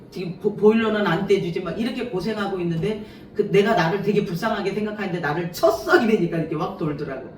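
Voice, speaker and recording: A woman preaching at a church revival, telling personal stories with lively acted-out voices and frequent laughter. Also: mid-range voice, slight background noise. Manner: animated, acts out quoted voices, laughs often. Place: church sanctuary. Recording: echoey church hall, mic at a distance.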